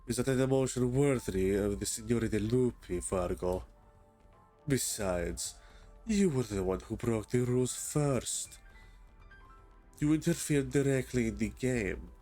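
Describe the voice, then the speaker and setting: A man's voice: medium pitch, a little slow, warm tone, soft background music, natural voice. A man voicing a solemn, commanding male wolf elder who makes grave, formal pronouncements, reading game dialogue aloud.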